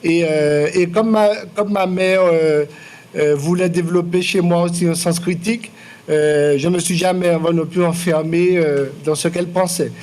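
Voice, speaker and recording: A man in his late forties from Martinique, an artist answering interview questions in a measured, hesitant way with many fillers and restarts. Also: a little high, fairly even intonation, a little mellow. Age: 40s. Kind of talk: public interview, hesitant and reflective. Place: lecture room.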